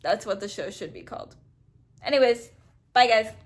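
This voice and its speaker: A young woman talking casually for her video review, animated and blunt, swearing freely as she gossips. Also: a little high, normal speed. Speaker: YouTuber reviewing a reality show. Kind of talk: casual chat.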